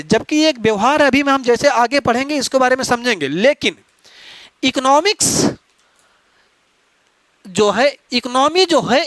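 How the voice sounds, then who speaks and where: High-pitched guy giving an exam prep lecture, lots of questions to the class, dry close sound. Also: fairly bright tone, no room sound. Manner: explaining with repeated rhetorical questions.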